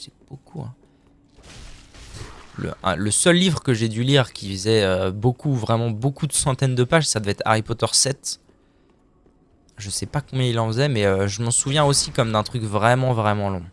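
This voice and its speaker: A young man keeps up a loose, joking commentary while playing a video game. He teases himself, trails off and restarts, and drops into goofy voices for a laugh. His voice sits at an ordinary middle pitch. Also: normal speed, slight background noise. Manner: joking, self-mocking, chatty with playful silly voices. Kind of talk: casual live-stream commentary.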